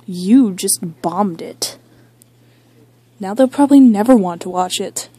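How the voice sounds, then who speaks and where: A woman's voice: mid-range voice, slow, mellow, breathy edge, dry recording. A girl voicing a fed-up wife toy who scolds her husband, pleading and sometimes whispering, in an amateur toy skit. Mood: scolding.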